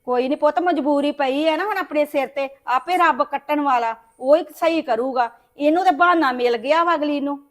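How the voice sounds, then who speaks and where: A woman's voice: high voice, normal speed, few pauses, lightly acted. Woman playing a nagging mother-in-law. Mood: soothing. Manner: nagging, reproachful scolding. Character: scolding middle-aged mother-in-law, sharp-tongued. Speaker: mother in a family drama. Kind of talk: web series family drama acting.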